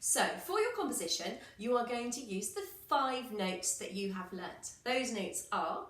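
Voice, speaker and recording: Slow, encouraging woman music teacher. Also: a little high, lively intonation, fairly bright tone, reverberant, a little hiss or hum. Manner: patient, encouraging, counts aloud and sings examples. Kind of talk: recorded school music lesson.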